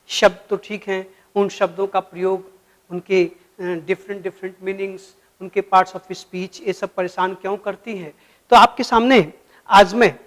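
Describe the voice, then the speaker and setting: A man's voice: sits high, fairly bright tone, poor audio. A man giving an explanatory video lesson as a vocabulary teacher, patient and friendly, spelling out words letter by letter for his viewers.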